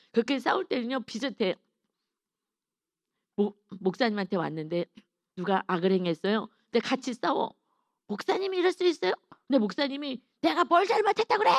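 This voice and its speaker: A woman's voice: on the high side, dry recording. Earnest woman pastor preaching at dawn. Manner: earnest, emphatic, acts out quarrels in quoted voices. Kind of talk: early-morning devotional sermon.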